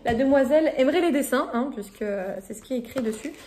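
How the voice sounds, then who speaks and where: A woman's voice: high-pitched, expressive, fast, mellow, a little hiss or hum. A woman chatting casually to camera as she unboxes her shop parcels, gushing and laughing often, a little tired. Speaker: vlogger and shop owner.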